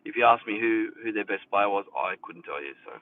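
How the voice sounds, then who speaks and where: A man's voice: lowish voice, animated, fairly quick. Australian man on a tinny, distant line. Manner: rambling, filler-heavy, emphatic on key points. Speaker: hairdresser. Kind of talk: casual live chat with viewers. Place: indoors at his mother's house, air conditioner running. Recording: tinny phone-like sound, distant from the mic, faint noise.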